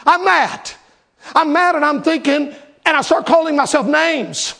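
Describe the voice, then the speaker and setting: High, gravelly preacher man. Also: moderate pace. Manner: animated, climbs into pitched repeated refrains. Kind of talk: storytelling sermon.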